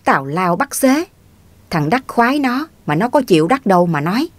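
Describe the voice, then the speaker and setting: A woman's voice: medium pitch, sing-song, moderate pace, no room sound. A woman reading the part of an elderly rural man who is teasing, easygoing and folksy. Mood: chiding.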